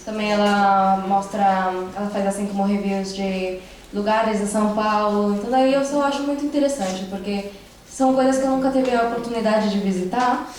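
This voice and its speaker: A Brazilian teenage girl speaks casually on a panel, hesitant and full of fillers and pauses, her medium-pitched voice picked up from a distant mic. The big hall adds heavy echo, and a faint hiss or hum sits underneath.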